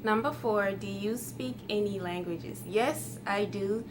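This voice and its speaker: A Ghanaian YouTuber in her twenties, whose first language is Twi, talks casually to camera, chatting with her viewers in a friendly way with light laughs. Her voice is medium-pitched and a little slow, over a noisy background.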